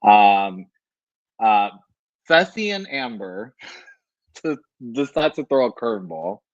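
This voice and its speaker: A man's voice: on the low side, very animated, takes it slowly, no echo, muffled recording. A man co-hosting a casual recap podcast, chiming in playfully with quips. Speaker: podcast co-host.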